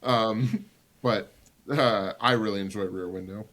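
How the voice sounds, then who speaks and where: Low-ish guy in his 30s, loose meandering podcast talk, says like a lot. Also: measured pace, fairly bright tone. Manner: loose, meandering, many "like" fillers. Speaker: podcast co-host. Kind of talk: casual chat.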